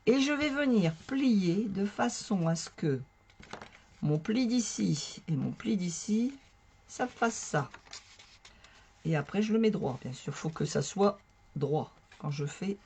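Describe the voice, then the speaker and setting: A woman with a hoarse, strained voice explaining a card-making tutorial in a chatty, self-mocking way as she works. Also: medium pitch, animated, takes it slowly, a little mellow, slight background noise. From northern France. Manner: chatty, talks to viewers while working, self-mocking. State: hoarse from a sore throat. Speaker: craft tutorial host. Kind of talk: casual crafting tutorial.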